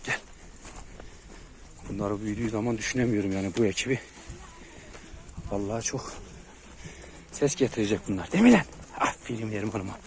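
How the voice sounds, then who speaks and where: A man's voice: on the low side, fairly even intonation, fairly quick, pauses often. A man filming his young dogs outdoors, talking to his viewers and calling and scolding the puppies. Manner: talks to viewers, then calls and scolds dogs loudly. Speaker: kangal dog owner filming his puppies. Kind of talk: casual outdoor vlog narration. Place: outdoors in a rural yard. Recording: faint outdoor noise.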